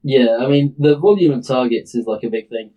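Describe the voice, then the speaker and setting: A man's voice: medium pitch, a little fast, lo-fi sound. A British man co-hosting a casual sports podcast, rambling and hesitant with many fillers. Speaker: podcast co-host.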